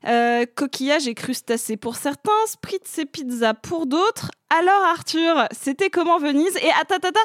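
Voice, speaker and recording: A woman's voice: high-pitched, moderate pace, few pauses, no echo, clean studio sound. A woman hosting a casual film podcast, playful and teasing with her guests. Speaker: podcast host.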